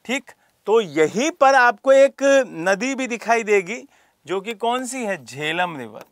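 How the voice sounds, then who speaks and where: A man's voice: high-pitched, very animated, slow pace, a bit bright, dry recording, studio quality. A man teaching a geography lesson for exam preparation, asking rhetorical questions and calling on students by name. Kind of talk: classroom lecture for exam prep.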